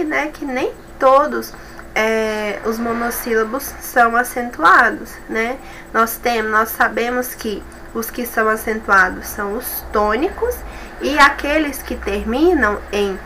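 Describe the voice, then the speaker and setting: A woman's voice: a little high, bright, forceful tone, a little hiss or hum, poor audio. A Brazilian woman teacher explaining grammar rules in an online review lesson, patient and methodical, often checking in with her students. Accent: Brazilian Portuguese. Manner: patient, explanatory, checks in with tags like "certo?" and "tá bom?".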